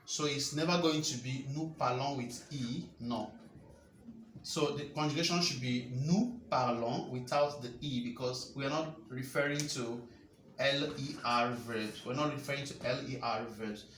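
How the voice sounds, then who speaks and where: A man teaching a French grammar lesson, explaining patiently and repeating key points with quick rhetorical checks. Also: mid-range voice, fairly bright tone, echoey room, a little hiss or hum.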